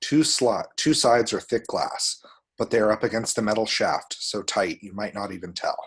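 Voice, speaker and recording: A man with a fairly low, slightly rough voice narrates screenplay action at a table read, moving at a moderate pace. His telling is vivid and dramatic, with the sound effects spoken out loud.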